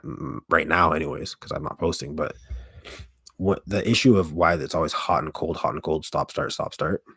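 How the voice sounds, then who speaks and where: A man with an extremely low voice full of vocal fry talks in a loose, casual livestream style. He is halting and keeps cutting into his own sentences. The sound is dry and close-miked, with a husky grain to the gravelly tone. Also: no room sound. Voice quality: deep, gravelly voice. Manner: halting, self-interrupting, mild swearing. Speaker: ASMR streamer hosting a live stream. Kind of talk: casual rambling livestream chat.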